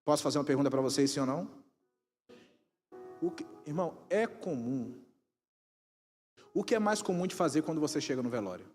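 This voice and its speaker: High-voiced fervent Brazilian pastor. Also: male voice, a little fast, long pauses. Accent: Brazilian Portuguese. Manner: fervent, swings from shouted exhortation to calm teaching. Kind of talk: Pentecostal sermon. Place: church sanctuary. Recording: reverberant hall with music behind.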